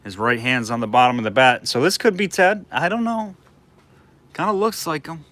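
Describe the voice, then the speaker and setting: A man hosting a live online auction, chatting casually with viewers between quick bid calls. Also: on the high side, fairly even intonation, fairly bright tone, dry recording. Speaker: livestream auctioneer.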